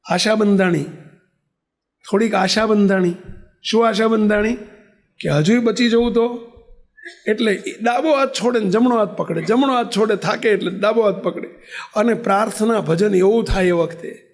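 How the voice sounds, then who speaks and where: A male preacher tells a sermon story in a very high voice with a gravelly rasp. He is animated and often pauses to check that his listeners are following. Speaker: religious preacher.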